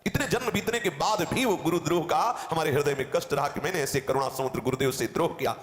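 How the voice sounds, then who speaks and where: A man as a spiritual teacher delivers a devotional discourse with a fairly high voice. He tells a sage's story in the first person and weaves in quoted verses. The room is echoey, with a long reverb tail. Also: fast talker. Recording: roomy hall with long reverb.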